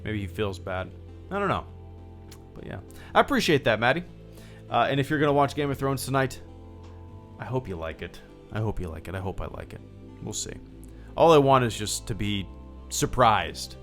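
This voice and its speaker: This livestream host, a man in his thirties, speaks at normal speed with lively intonation, a medium pitch, and a fairly bright tone, leaving long pauses. Faint music runs behind him. His talk meanders with many fillers and restarts as he reads out viewer thank-yous.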